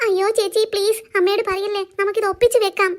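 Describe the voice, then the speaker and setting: A woman's voice: extremely high pitch, flat delivery, quick pace. A woman voicing a tearful, pleading little girl, the younger sister in a cartoon. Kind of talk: cartoon voice acting.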